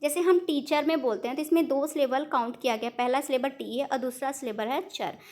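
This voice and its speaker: A woman's voice: high voice, brisk, a little mellow. A woman teaching an online exam-prep lesson, explaining step by step in Hindi mixed with English terms and correcting herself as she goes.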